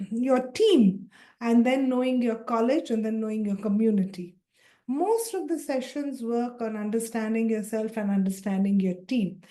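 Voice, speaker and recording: A woman's voice: a little high, dark tone. A woman facilitating an online leadership workshop, calling out participants' names and introducing the session. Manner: friendly, calls out names one by one. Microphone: video call.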